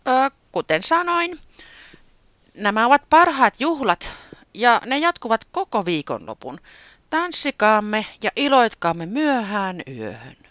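A storyteller voicing an excitable festive bird who gets eager and stammers when startled. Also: mid-range voice, no room sound, voice pushed up.

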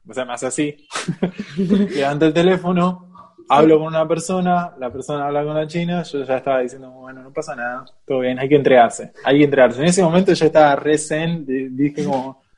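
Young guy w/ argentine accent, slightly high voice, animated storytelling, laughs a lot. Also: a little fast. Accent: Rioplatense Argentine Spanish. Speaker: guest storyteller. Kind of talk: casual anecdote telling.

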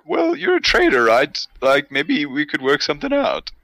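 A man's voice: fairly high pitch, wildly swooping pitch, normal speed, vocal fry, sharp tone, no echo, voice pushed up, heavily acted, low-quality recording. A man playing a meek young adventurer who hesitantly wheedles for a deal. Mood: pleading.

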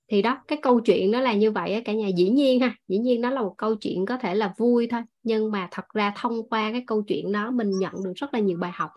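A woman's voice: on the high side, a little mellow. A woman with a Southern Vietnamese accent teaching a class in a chatty style, laughing often and speaking to her listeners as family. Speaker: course instructor. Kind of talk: online class lecture with storytelling.

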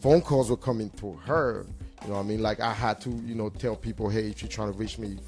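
A man's voice: fairly low pitch, steady tone, a little fast, a little mellow, soft background music. A man telling stories in a casual interview as a DJ and hype man, confident, boastful and slangy. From Cameroon.

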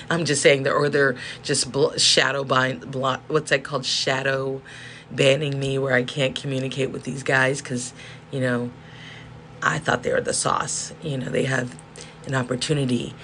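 A hoarse-voiced woman from South Central Los Angeles hosts her own casual solo podcast, rambling and chatting while breaking off her sentences with laughs. Her voice is bass and a bit bright. A faint whirring from a space heater hums beneath her in a small indoor room.

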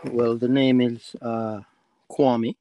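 Halting man from Jamaica, dry close sound. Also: mid-range voice, little pitch movement, no room sound, lo-fi sound. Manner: halting, with many fillers and restarts. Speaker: podcast guest. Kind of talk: casual interview talk.

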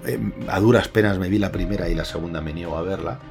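A man's voice: deep voice, fast, vocal fry, over music. A man, co-hosting a casual podcast chat about comics and giving blunt, opinionated verdicts. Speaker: podcast co-host.

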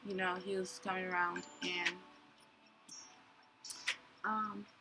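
A woman's voice: fairly low pitch, little pitch movement, slow pace, creaky, music in the background, rough recording. A young woman hosting a show, telling her own story candidly in a rambling way with many fillers. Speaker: podcast host. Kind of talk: personal storytelling.

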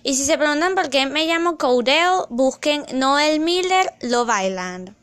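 A young woman chatting in a casual vlog, excitable and rambling, loud at times and slipping into English phrases. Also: high voice, measured pace. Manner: loud, near shouting at times. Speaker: vlogger.

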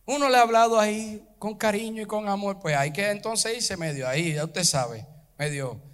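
Male pastor preaching hard, pretty high voice, talks right to the congregation. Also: moderate pace, fairly bright tone. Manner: fervent, rises into chanted preaching at climaxes; addresses the congregation directly. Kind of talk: sermon.

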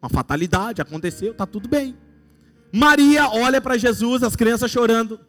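A man's voice: very high voice, moderate pace, fairly bright tone. A man with a Brazilian Portuguese accent preaching a sermon, telling playful stories and acting out imagined scenes.

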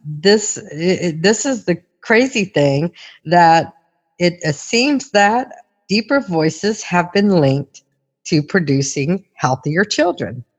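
A woman's voice: lowish voice, animated, slow pace. Woman in a long reverb, chatting and explaining. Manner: conversational, explanatory. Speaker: host. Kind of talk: casual chat explaining studies.

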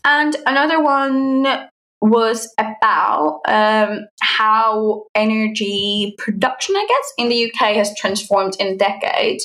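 A native Finnish speaker from Finland co-hosts a podcast, casually sharing news in informal, hesitant phrasing. She speaks slowly in a slightly high, fairly bright voice, and the sound is roomy and echoey.

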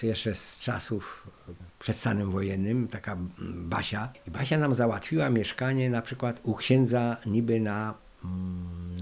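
An older Polish man, interviewed for an oral history, tells lively stories full of fillers. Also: fairly low pitch, gravelly. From Poland. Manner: lively anecdotal storytelling with many fillers. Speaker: interviewee recalling the past.

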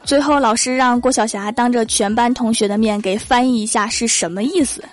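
A woman's voice: on the high side, a little fast. A young woman, telling funny stories in a punchy, joking way as a comedy host. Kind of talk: comedic storytelling monologue.

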